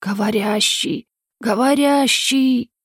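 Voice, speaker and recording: A big, flustered academy guard who stammers and stretches his words out slowly, sometimes in loud whispers, as a woman reads him. The audiobook sound is close and dry, with a middling pitch. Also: fairly even intonation, no echo, natural voice. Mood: amazed.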